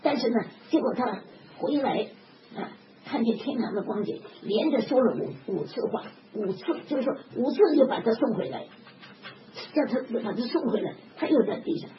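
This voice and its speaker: An older woman preaching a sermon in an animated, emphatic way, often chuckling. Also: fairly high pitch, moderate pace. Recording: dull lo-fi recording with background noise.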